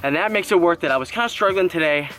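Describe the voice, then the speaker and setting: A young man fishing at a pond outdoors, talking casually to his viewers on an action camera, excitable and quick to exclaim while sweating in the heat. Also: on the high side. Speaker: fishing vlogger. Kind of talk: casual vlog talk to camera.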